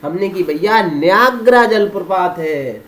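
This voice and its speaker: A man's voice: high-pitched, expressive, unhurried, fairly bright tone, echoey room. A man teaching current affairs for competitive exams over a map. He asks and answers his own imagined students' questions and calls his listeners dear friends. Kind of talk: exam-prep lecture over a zoomed map.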